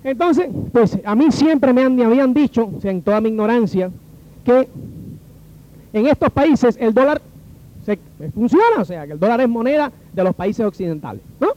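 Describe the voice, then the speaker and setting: High-voiced Cuban man telling a story. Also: normal speed, highs cut off. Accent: Cuban Spanish. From Cuba. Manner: animated, acts out the dialogue of the people in his story. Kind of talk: personal storytelling talk.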